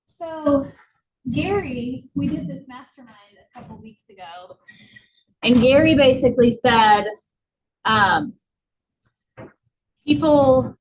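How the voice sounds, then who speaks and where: A woman's voice: sits high, lively intonation, slow, long pauses, dull audio. A woman presenting a casual office training session, talking loosely and rambling with many fillers. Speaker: workshop presenter.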